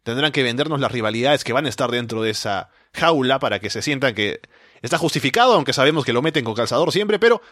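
A man co-hosting a casual podcast, relaxed and thinking aloud with small restarts. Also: mid-range voice, fast, no echo, clean studio sound. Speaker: podcast co-host. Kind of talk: casual wrestling podcast chat.

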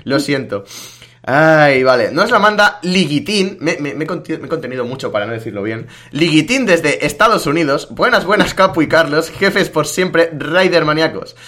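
A man hosting a casual podcast, talking quickly and energetically as he reads out listener questions. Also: a little high, expressive, pushed and bright. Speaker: podcast host. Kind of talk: casual wrestling podcast chat.

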